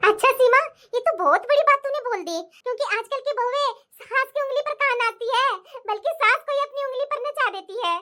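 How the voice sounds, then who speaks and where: A woman's voice: very high voice, fairly quick, hardly any pauses, bright, forceful tone. A woman voicing a gossiping middle-aged neighbour in a cartoon, sceptical and chatty. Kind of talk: animated cartoon voice acting.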